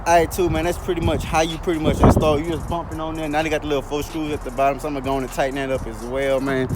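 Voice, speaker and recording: A man's voice: a little high, little pitch movement, racing, very noisy. A man casually chatting in slang while working on his car outdoors, filmed on a phone camera. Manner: laid-back, slangy, chatty. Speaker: car vlogger. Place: outdoors beside a car in the cold.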